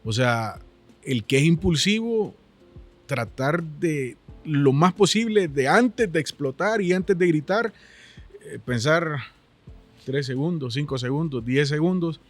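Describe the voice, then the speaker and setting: A man's voice: a little high, lively intonation, slow, soft background music. A man with a Honduran accent, speaking earnestly and reflectively as a podcast guest. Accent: Honduran Spanish. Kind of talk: reflective conversational chat.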